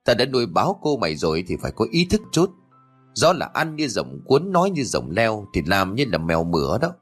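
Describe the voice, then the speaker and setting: A man voicing a harsh, nagging old grandmother who scolds rapidly, in an audio story. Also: on the low side, wildly swooping pitch, husky, faint music behind, heavily acted. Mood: scolding.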